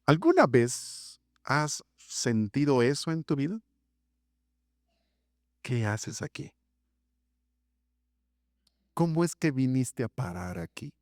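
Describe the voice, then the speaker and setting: A man preaching a sermon, acting out the voices of the text with dramatic swings in pitch. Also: very animated, slow pace, long pauses, a little mellow, no room sound, clean studio sound. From Mexico. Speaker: pastor. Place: church sanctuary.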